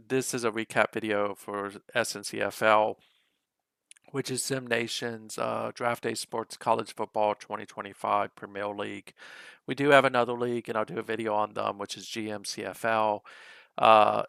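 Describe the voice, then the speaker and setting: A low-pitched man talks through a recap in a loose, conversational way, pausing often to find his words. His voice is hoarse and gravelly from being ill, with plenty of fry. Under the rasp the tone stays smooth and dry. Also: a bit bright, no echo. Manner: loose and conversational, with frequent hesitations. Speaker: host of a simulation football league channel. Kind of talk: casual recap commentary.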